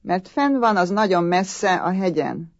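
A woman voicing a wry, evasive old Székely gamekeeper with dry, slow understatement. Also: on the low side, animated, no echo, lo-fi sound. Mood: reluctant.

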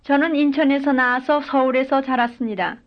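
A high-pitched woman with fairly even intonation speaks briskly, giving complete model sentences for a language drill. Each is delivered carefully and evenly, on a dull lo-fi recording.

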